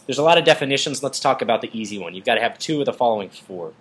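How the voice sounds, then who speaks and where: A man's voice: medium pitch, expressive, rapid-fire, a bit bright, breathy edge. An American man co-hosting an emergency medicine podcast, explaining clinical guidelines in an enthusiastic, teacherly way. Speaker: emergency physician podcast co-host.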